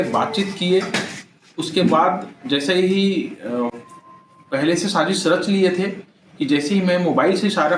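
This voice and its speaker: Man briefing from an echoey distance. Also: a little high. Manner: measured, halting account with frequent pauses. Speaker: police officer briefing the press. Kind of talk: press statement. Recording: echoey, distant mic, faint background noise.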